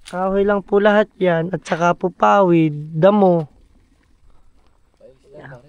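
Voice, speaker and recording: A man's voice: sits high, steady tone, slow pace, darkish tone, clean tone, no echo, lo-fi sound. A man vlogging outdoors at a camp build site, talking directly to his viewers in a casual, upbeat way. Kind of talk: casual vlog narration.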